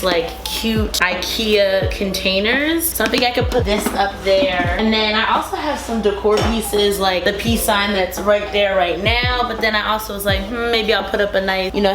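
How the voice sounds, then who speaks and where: A woman vlogger chatting casually to camera, informal and slangy, as if thinking aloud. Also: mid-range voice. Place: indoors in a home kitchen. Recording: echoey room with music behind.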